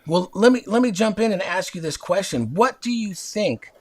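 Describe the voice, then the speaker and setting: A man's voice: sits high, animated, normal speed, darkish tone. A man hosting a podcast, asking his guest questions in a casual, hesitant way and restarting his sentences. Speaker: podcast host. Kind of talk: casual interview.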